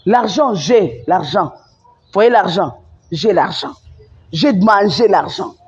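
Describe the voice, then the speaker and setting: Une femme avec un accent congolais qui s'emporte en direct sur son live, répète ses phrases avec insistance et passe du français au lingala. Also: female voice, mid-range voice, lively intonation, slow, a little mellow, husky. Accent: Congolese French. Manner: emphatic and repetitive, mixing French with Lingala. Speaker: live-stream host. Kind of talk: impassioned live-stream rant. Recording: dull lo-fi sound.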